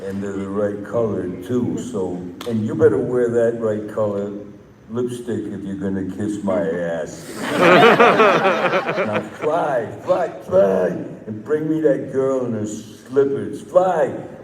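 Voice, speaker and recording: A man voicing a bossy, campy female witch who gives slow commands with cheeky asides. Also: fairly low pitch. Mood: commanding. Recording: echoey hall from far off, noisy.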